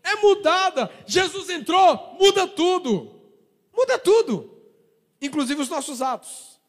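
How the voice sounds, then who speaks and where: A male pastor preaching with lively energy, slipping into the voices of the people in his stories. His voice sits very high for a man, and a long reverb trails each phrase in a church hall. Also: slow pace. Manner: animated preaching, acting out quotes of sinners. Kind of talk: sermon.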